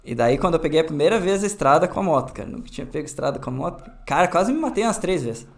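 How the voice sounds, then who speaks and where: A man's voice: on the high side, very fast, gravelly. A man in his thirties from southern Brazil, a guest telling self-mocking stories in a casual studio chat. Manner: animated storyteller, self-mocking. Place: small foam-padded studio room.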